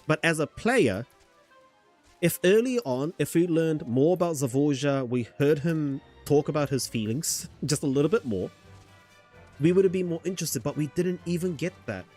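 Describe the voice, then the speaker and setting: A man's voice: on the high side, animated, moderate pace, a little mellow, faint music behind. A man hosting a gaming stream, chatting casually and laughing often as he makes his point. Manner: chatty, laughs often, lots of "you know". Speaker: streamer and host.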